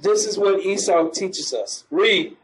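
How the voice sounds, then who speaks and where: A man with a high voice speaks slowly over poor audio. His street preaching mixes scripture reading with mockery of churchgoers, and he asks for the next verse.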